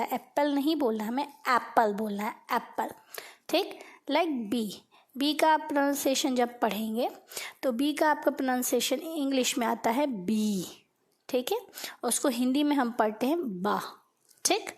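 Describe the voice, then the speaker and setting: A woman tutor walks through a phonics lesson in a bright, high voice. She takes her time, sounding out every letter carefully. She pauses after each point to check that it has landed. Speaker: English tutor.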